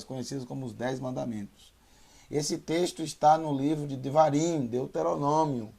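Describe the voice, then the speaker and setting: A man leads a Hebrew reading lesson, patiently sounding out each syllable and drilling words by repetition. His voice is gravelly and a little husky, pitched slightly high for a man, and he talks at a slow, unhurried pace. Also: darkish tone. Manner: patient, repeats syllables slowly and drills pronunciation. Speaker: Hebrew teacher. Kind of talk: online language lesson.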